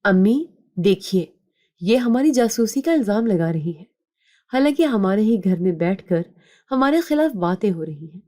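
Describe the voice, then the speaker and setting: A woman voicing a spiteful young sister-in-law who shouts accusations in a shrill voice. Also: expressive, natural voice. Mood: furious.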